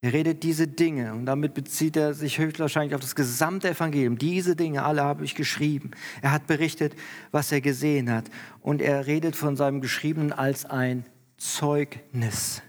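A man's voice: fairly high pitch, fairly even intonation, normal speed. A pastor preaching to his congregation, explaining scripture in an earnest way and lifting his voice with emphasis when he quotes the text. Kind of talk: sermon. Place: church hall. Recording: long church-hall reverb.

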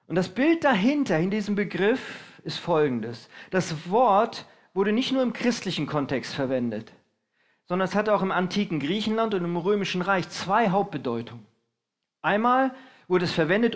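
Man, high voice, preaching, sermon, asks listeners questions. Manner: asks the congregation questions and acts out heralds' announcements.

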